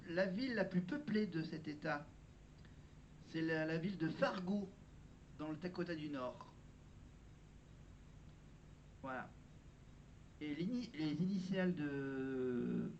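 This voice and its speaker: Man, casual vlogger, chatty, self-correcting, muffled lo-fi recording, faint hiss. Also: fairly high pitch. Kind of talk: casual vlog monologue. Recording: dull lo-fi sound with faint background noise.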